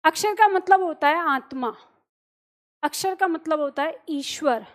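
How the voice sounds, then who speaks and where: Female teacher, high-pitched, patient step-by-step explainer, asks and answers her own questions. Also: a little slow. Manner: asks questions, then answers them herself; checks in often with "ठीक है" and "सही है?". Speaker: Hindi teacher. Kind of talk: explanatory online grammar lesson.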